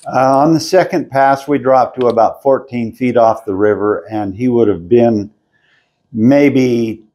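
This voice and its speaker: An older man telling his story as an interview guest at a convention, slow and halting, often stopping to clear his throat. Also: medium pitch, mellow. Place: convention floor.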